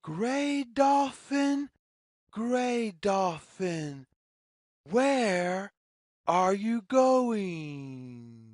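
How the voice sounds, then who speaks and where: In a dry recording with no echo, a mid-range female voice reads a picture book to small children at a very slow, well-spaced pace. She uses a lively singsong tune with wide rises and falls, keeping her phrasing deliberate and repetitive.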